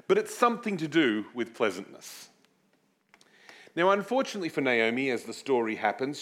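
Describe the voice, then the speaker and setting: This animated, lively male preacher has a mid-range voice and is teaching a series on one book of the Bible, mixing scripture teaching with prayer. He gives key words a swooping emphasis and talks in a chatty way, peppered with self-deprecating remarks.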